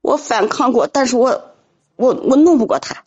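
A woman calling an advice show, telling her troubles in a halting, distressed way with many repeats. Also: sits high, darkish tone, highs cut off, faint music behind. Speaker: caller.

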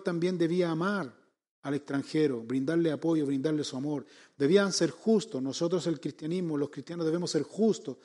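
Un pastor con acento chileno que predica un sermón, enumerando puntos y haciendo preguntas retóricas a la congregación. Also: male voice, fairly high pitch, darkish tone. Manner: emphatic, counts numbered points, asks the congregation rhetorical questions. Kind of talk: sermon.

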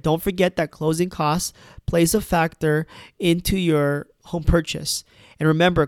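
A real estate man with a fairly high, creaky but clean voice sounds stuffed up from a cold as he gives casual advice to the camera. He keeps things conversational, tagging his points with "right?" and "you know." The studio recording is clean, with no room sound.

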